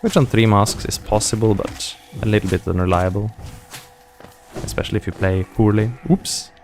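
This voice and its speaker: A man's voice: lowish voice, steady tone, moderate pace, a little mellow, soft background music. A man from Scandinavia thinking aloud and chatting casually as he plays a game, answering chat comments as he goes. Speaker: gaming streamer.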